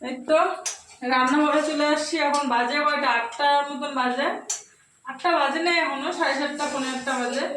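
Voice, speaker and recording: A woman's voice: sits high, steady tone, normal speed, slight background noise. Chatty Bengali mother vlogging chores. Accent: Bengali, colloquial North Bengal. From North Bengal, India. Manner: chatty, talks to viewers directly; speaks softly at times so a sleeping child stays asleep. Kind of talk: casual narration of chores. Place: home kitchen and rooms, indoors.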